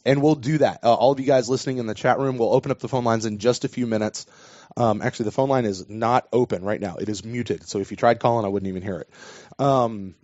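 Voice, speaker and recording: Slightly hoarse man hosting a podcast. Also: mid-range voice, a little mellow, no room sound. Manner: rambling, restarts sentences. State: losing his voice. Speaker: podcast host. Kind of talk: casual sports podcast chat. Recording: dull dry podcast audio.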